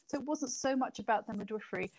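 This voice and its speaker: A middle-aged former member of parliament from Britain chats as an interview guest, rambling casually and laughing easily. Her voice is on the high side with a darkish tone, and she talks at a quick pace.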